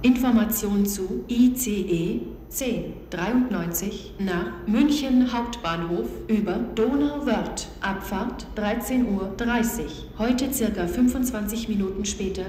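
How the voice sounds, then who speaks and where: Over an echoing train station loudspeaker, a woman with a standard German accent reads scripted automated platform announcements. Her delivery is measured, segmented and neutral, at medium pitch, with station noise clearly audible behind her.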